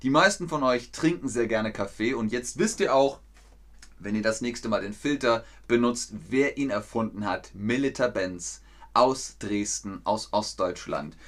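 A man teaching an online German lesson to learners, speaking slowly and clearly, repeating words and quizzing his viewers. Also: mid-range voice. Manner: lively, with quiz questions to viewers.

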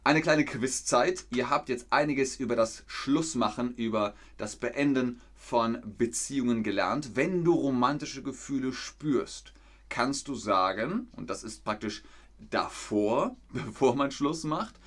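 A man's voice: mid-range voice, unhurried. A man teaching a live German lesson online, reading viewers' comments and acting out little scenes playfully. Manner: playful, acts out little scenes with lively voices.

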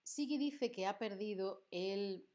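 This young Andalusian woman teaches Spanish on a live stream in a neutral standard accent, speaking slowly in a mid-range, darkish voice. She chats with viewers, asks them questions, and reads their messages aloud.

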